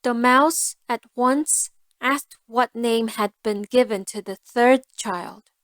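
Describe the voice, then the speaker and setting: A woman reading a scripted fairy tale for language learners, enunciating carefully and deliberately. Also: a little high, a bit bright, dry recording, studio quality. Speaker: storyteller.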